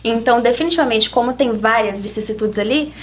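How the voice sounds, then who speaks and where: A woman co-hosting a health podcast, speaking in a reflective, measured way. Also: a little high, a little hiss or hum. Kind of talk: casual podcast chat.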